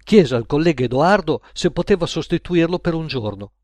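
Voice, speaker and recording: A man narrating a comic tale in a measured, wry storytelling manner. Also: fairly high pitch, animated, darkish tone, no room sound.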